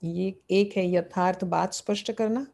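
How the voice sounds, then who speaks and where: A woman's voice: lowish voice, fairly even intonation, unhurried, vocal fry, dark tone. A woman giving a devotional sermon. She asks rhetorical questions, answers them herself, and repeats key phrases as she explains the teaching. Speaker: spiritual teacher.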